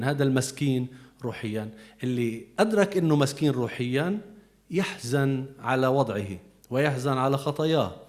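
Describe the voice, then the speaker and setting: A man's voice: mid-range voice, a little mellow. A man with a Levantine Arabic accent, giving a conversational Bible teaching as a preacher, explaining patiently and repeating key words.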